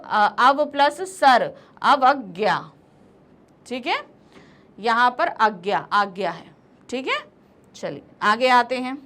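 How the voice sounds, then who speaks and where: Bright, slow-spoken woman teacher. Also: high voice. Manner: slow, deliberate word-by-word dictation with quick asides. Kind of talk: grammar lesson, reading word lists.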